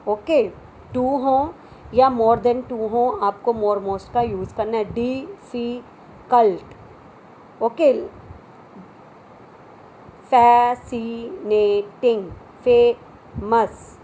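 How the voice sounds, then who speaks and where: A woman's voice: fairly high pitch, steady tone, very slow, pauses often, dark tone, slight background noise, rough recording. A woman teaching an English grammar lesson in an Indian English accent, explaining step by step and checking in with her students.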